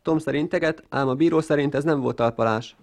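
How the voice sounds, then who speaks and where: Actor as higher-voiced male football commentator. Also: a little mellow, lightly acted. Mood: focused. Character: straight, factual male football play-by-play commentator. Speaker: sports commentator. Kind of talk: straight play-by-play football commentary.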